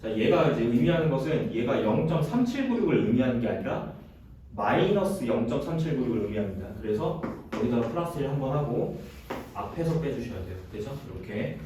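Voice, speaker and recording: A male math teacher lectures at a medium pitch and a slightly fast pace, his voice rising and falling in a lively way. Every few lines he stops to ask short questions about whether students are following, mixing casual and polite speech. The recording is roomy and distant, with heavy classroom echo and faint noise.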